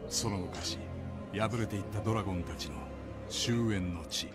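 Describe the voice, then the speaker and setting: A grave male narrator voiced by an actor delivers portentous anime trailer lines in a lowish voice. Loud music surges behind him. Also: moderate pace, natural voice. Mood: ominous.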